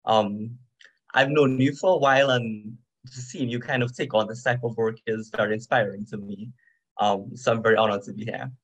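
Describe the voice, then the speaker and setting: Young guy from trinidad on a podcast, middle pitch, talking about himself kinda thoughtful, lots of ums. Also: steady tone, normal speed, fairly bright tone, dull audio. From Trinidad and Tobago. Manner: reflective, frequent "um" and "you know". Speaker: podcast guest. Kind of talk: conversational storytelling.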